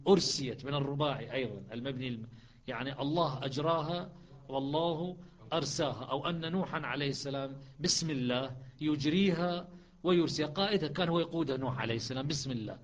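A man's voice: mid-range voice, a little hiss or hum. Man teaching recitation, dull lo-fi sound. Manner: patient, methodical explaining with frequent pauses and restarts. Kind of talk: explanatory lesson on recitation variants. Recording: dull lo-fi recording.

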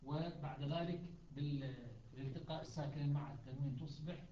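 A man's voice: fairly high pitch, fairly even intonation, quick pace, lo-fi sound, a little hiss or hum. A man teaching a classroom lesson on Quran recitations, explaining step by step, repeating words and checking that his students follow.

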